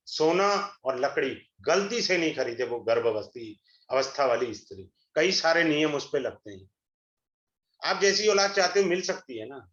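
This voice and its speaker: A middle-aged man giving an astrology webinar, a persuasive, salesy pitch that mixes Hindi and English. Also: a bit bright. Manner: switches between Hindi and English. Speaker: astrology teacher. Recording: echoey room, dull lo-fi sound.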